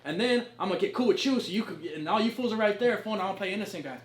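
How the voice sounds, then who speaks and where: A man's voice: sits high, expressive, very fast, reverberant. A man from Southern California, a rapper guesting on an interview, talking casually and passionately in heavy street slang with lots of swearing.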